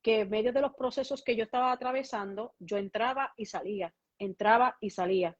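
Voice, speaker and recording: High-voiced woman telling a story. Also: a little fast. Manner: lively storytelling, acting out both sides of conversations. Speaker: guest pastor. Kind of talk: testimony in an interview. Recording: dull lo-fi sound.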